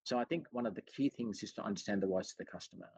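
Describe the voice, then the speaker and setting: Speaking very fast in a fairly low, creaky voice that is a little mellow and slightly rough, a middle-aged chief executive answers interview questions over a video call. Born in Sri Lanka and long resident in Australia, he explains things earnestly and conversationally, dropping frequent "you know"s. The video-call audio sounds roomy and dull.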